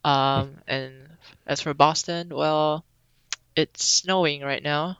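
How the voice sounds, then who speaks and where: A young Singaporean woman, a guest on a podcast, chats in a relaxed, rambling way with lots of ums during a casual interview. Her deep voice is bright and crisp with some gravel, and she takes things slowly. The audio is dry, echo-free and a bit dull, like a lo-fi remote call.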